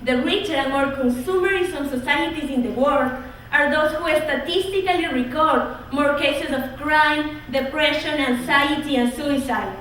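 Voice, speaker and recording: A young woman from Ecuador, a student, delivering an earnest, measured oratory speech. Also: high voice, a bit bright, distant mic, a little hiss or hum. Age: young adult. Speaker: student speaker. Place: college auditorium. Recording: echoey hall, mic from afar.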